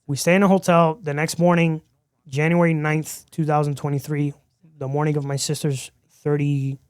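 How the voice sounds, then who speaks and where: A Miami-born podcast guest with a fairly high, smooth voice narrates his story in a casual interview, animatedly voicing the dialogue he quotes. The recording has clean studio sound and no echo.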